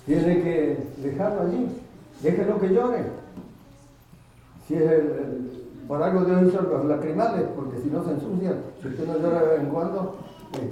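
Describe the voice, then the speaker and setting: A male pastor preaching a sermon, lively, acting out the voices of parents and children he quotes. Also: fairly high pitch. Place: church. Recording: echoey church hall, mic at a distance, congregation audible.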